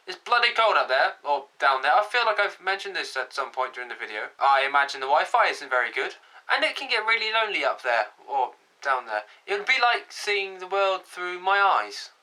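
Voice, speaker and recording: Lively bright-voiced jokester. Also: male voice, a little high, poor audio. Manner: punning, self-mocking, quick apologies. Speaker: comedy vlogger. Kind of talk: jokey vlog monologue.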